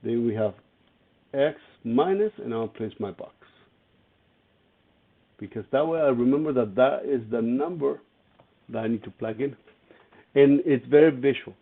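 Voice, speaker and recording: Through tinny, phone-like lo-fi audio, a male math teacher with a gravelly mid-range voice takes his time on an algebra lesson, leaving long pauses. He works through every step and poses questions to his students as he goes.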